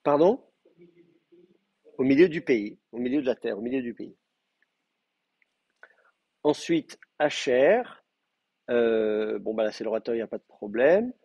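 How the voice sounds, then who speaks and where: A man's voice: mid-range voice, animated, measured pace, long pauses, slightly rough, dry recording, highs cut off. A man teaching an advanced class in a live lecture, explaining patiently with frequent hesitations and fillers. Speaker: Hebrew teacher.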